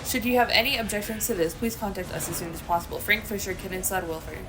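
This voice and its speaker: A woman's voice: medium pitch, fast talker, noisy background. A woman playing a video game, commenting and reading game text aloud. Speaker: gaming video player.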